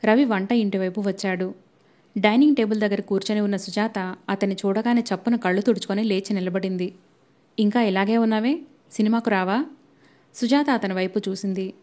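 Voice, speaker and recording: A woman narrating an audio novel. She reads in a steady, even storytelling voice, with no hurry. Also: mid-range voice.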